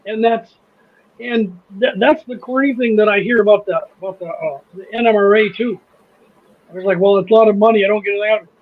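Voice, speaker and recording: Brisk and high-pitched, this model railroad channel host chats loosely on a livestream in a Midwestern accent, laughing easily and starting sentences over. The audio comes across narrow and tinny.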